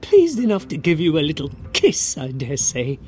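A man's voice: on the high side, wildly swooping pitch, a little mellow, soft background music. A man voicing a cold, menacing male professor who sneers and breaks into shrieks. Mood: gloating. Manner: sneering, slow, erupts into shrieks.

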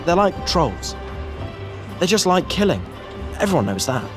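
A man's voice: on the high side, sing-song, measured pace, over music. A man voicing an awkward, hot-headed teenage schoolboy who blusters and splutters. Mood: blustering.

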